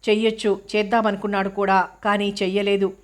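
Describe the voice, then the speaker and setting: A woman reading the part of a resolute older female cook who speaks in a steady, firm, solemn way. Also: mid-range voice, fast, lightly acted.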